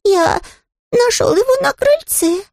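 A woman's voice: extremely high pitch, lively intonation, slow pace, darkish tone, dry recording, studio quality, pitched above the performer's own voice, full character voice. A woman voicing Paddington, a small polite young male bear who stammers and hesitates. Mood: earnest.

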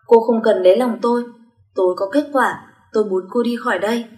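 A woman's voice: on the high side, fairly quick, darkish tone, lightly acted. A woman voicing a cold, proud rich young man who is a company chairman, speaking curtly. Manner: curt and commanding. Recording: roomy echo.

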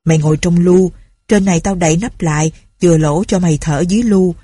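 A woman's voice: on the low side, fairly quick, warm tone, breathy edge, no room sound, studio quality. A woman voicing a curt, sly male accomplice. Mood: conspiratorial. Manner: curt, conspiratorial.

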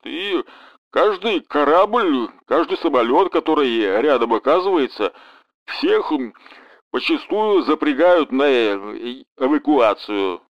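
A man's voice: on the high side, no room sound, highs cut off, voice pushed up. A man voicing an easygoing gum-chewing businessman with a southern Russian accent and a hesitant, casual way of talking.

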